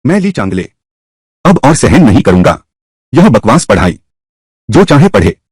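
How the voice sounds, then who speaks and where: A defiant young son full of grievance, voiced by a man. He speaks with a lively, swinging pitch and a slightly husky edge. The sound is dry and close in this dubbed drama. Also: unhurried, dry recording. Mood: bitter. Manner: bitter, defiant complaining. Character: young man, resentful rebellious returned son.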